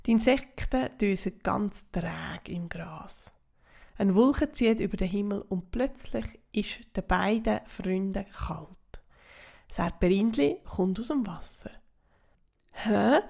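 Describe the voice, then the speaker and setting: Swiss German woman reading a children's story, slow and soft, gravelly. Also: medium pitch, expressive. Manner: soft, half-whispered narration.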